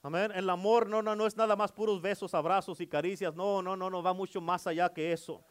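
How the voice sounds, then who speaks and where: A man's voice: high-pitched, steady tone, a little fast, clear, resonant tone. A middle-aged male pastor preaching a sermon, emphatic and repetitive, often calling for amens.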